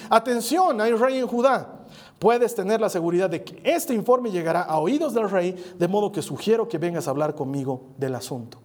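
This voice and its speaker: Male preacher with a high voice, chatty sermon delivery, often asks the room "right?". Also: darkish tone. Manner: conversational, checks in with listeners by asking "right?".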